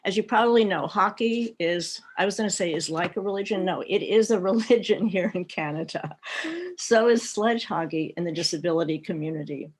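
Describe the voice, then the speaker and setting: A woman's voice: fairly low pitch, brisk, husky. A middle-aged woman speaking on an online panel, telling her family's story in a reflective way with light laughter, heard over a video call. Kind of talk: personal talk at an online panel.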